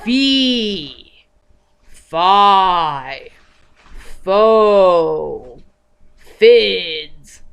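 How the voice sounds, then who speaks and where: A woman voicing a huge grumpy father giant, chanting slowly and loudly in a storytelling way. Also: clean tone, heavily acted. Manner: slow, booming chant.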